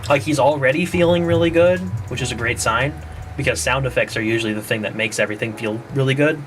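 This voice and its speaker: On a casual dev stream with background music, a man with a mid-range voice talks fast as he playtests his own game. He thinks aloud to himself and often leaves thoughts unfinished.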